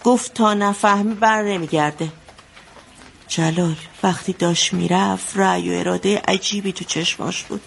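A woman's voice: medium pitch, steady tone, vocal fry, slight background noise, lightly acted. An actress playing an anxious mother who recounts a bloody wedding in a radio drama, telling it vividly. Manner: vivid storytelling, shouting out the quotes she retells.

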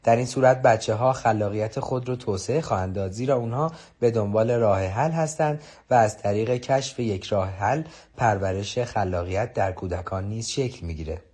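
Low-voiced guy, kinda husky, reading a script steady and formal. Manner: measured, formal, read from script. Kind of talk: scripted informational narration.

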